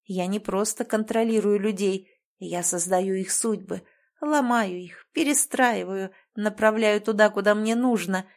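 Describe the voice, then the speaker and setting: A woman voicing a cold, manipulative older sister who speaks calmly and condescendingly. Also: medium pitch, a little slow, natural voice. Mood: icy. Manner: calm, icy, condescending.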